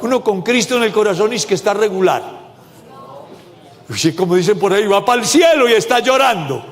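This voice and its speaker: A male pastor preaches to his congregation in a church. His voice sits high and carries a long, ringing reverb from the hall. He jokes and throws questions out to the people as he goes. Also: lively intonation, normal speed. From Colombia. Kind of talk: sermon.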